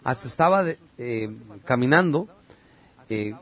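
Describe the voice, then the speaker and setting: A man's voice: medium pitch, animated, measured pace, fairly bright tone, husky. A man, talking earnestly on a podcast, telling stories with many filler sounds. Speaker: podcast guest speaker on religion and UFOs. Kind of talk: casual podcast talk.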